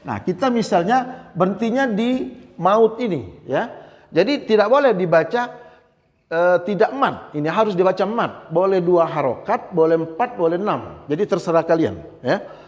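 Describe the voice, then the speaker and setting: A man with a high voice teaches Quran recitation rules, moving through each point step by step and often checking in with a quick "ya". Now and then he slowly chants a recitation example before going on with the explanation. His voice carries a long reverb tail, as if spoken in a large echoing room. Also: lively intonation.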